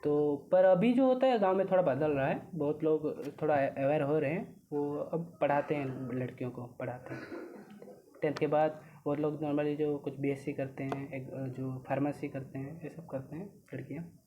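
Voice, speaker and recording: A young man from Odisha, a student guest, talking casually and haltingly, often restarting his sentences. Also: a little high, fairly even intonation. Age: young adult. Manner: hesitant, restarts often, mixes in English words. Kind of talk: casual conversation. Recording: phone-like lo-fi audio with faint noise.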